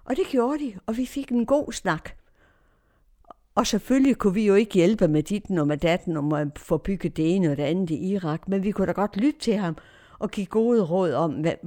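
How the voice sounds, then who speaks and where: A woman telling a personal story in a lively, anecdotal way, often quoting others as dialogue. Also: on the low side. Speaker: churchgoer recounting neighbourhood life.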